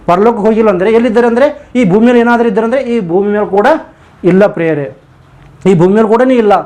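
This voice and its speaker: Man, preacher, high voice, earnest sermon, rhetorical questions, prayer. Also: fast, warm tone.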